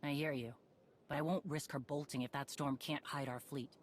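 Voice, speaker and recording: An actress voices a stern, determined warrior leader who used to be a bounty hunter, barking terse commands in a game cutscene. Her deep voice sounds natural and holds a steady tone at normal speed, grave and resolute. The scripted recording is clear of background noise and ambience.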